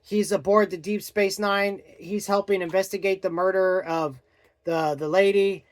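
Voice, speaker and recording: A young man with a fairly high voice chats through a book review in a loose vlog style. He rambles, restarts his sentences and fumbles for names as he goes. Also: steady tone, moderate pace. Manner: rambling, searches for words, many fillers.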